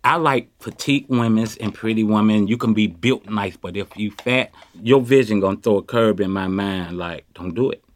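This candid street conversation features a fifty-something Chicagoan bragging in street slang while being interviewed, handheld mic in play. He has a fairly low voice, moves at a moderate pace, and hardly pauses at all. There's no echo.

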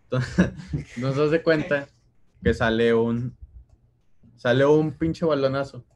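A man's voice: mid-range voice, slow pace, a little mellow. A young man with a Mexican accent, chatting with friends and telling a story that he acts out with sound effects and slang. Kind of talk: casual chat among friends.

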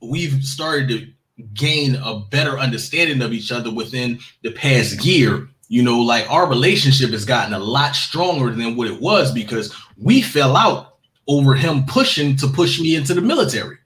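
A man's voice: medium pitch, expressive, normal speed, fairly bright tone, low-quality recording. Man in his forties telling a story. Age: 40s. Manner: storytelling, lots of restarts and fillers. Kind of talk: casual chat.

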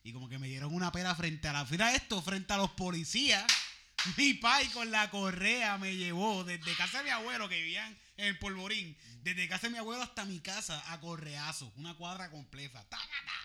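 Animated man telling stories. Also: high-pitched, a little fast. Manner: animated, laughing, sound effects in stories. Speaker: podcast co-host. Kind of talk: casual chat, storytelling.

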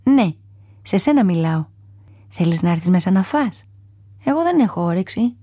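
A woman's voice: lowish voice, lively intonation, dry recording, studio quality. A woman doing a weary caged lion. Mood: friendly. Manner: tired, sorrowful, gentle. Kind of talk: storybook character voice.

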